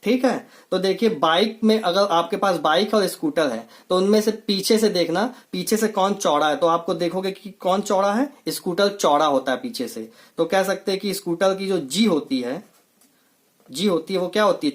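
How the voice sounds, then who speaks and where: A teacher giving an online coaching lesson, asking rhetorical questions and answering them, repeating key words in patient, simple steps. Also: mid-range voice.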